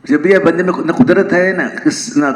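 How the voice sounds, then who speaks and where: A man's voice: sits high, steady tone, reverberant, low-quality recording. A man giving a religious lecture, explaining points with rhetorical questions and the odd amused laugh. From South Asia. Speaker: religious teacher.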